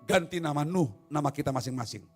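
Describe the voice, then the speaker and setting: A man with a fairly high voice preaching a sermon in a church hall. He swings from hushed asides to shouted appeals and slips teasing jokes in between. Faint music plays softly behind him. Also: quick pace. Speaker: pastor. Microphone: no mic at times.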